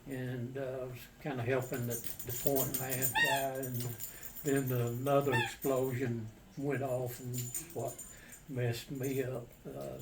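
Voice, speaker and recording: An older man, a war veteran, casually recounting his memories in a halting, matter-of-fact, plain-spoken way. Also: mid-range voice, flat delivery, loud music behind the voice. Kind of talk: casual personal storytelling. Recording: distant mic with faint background noise.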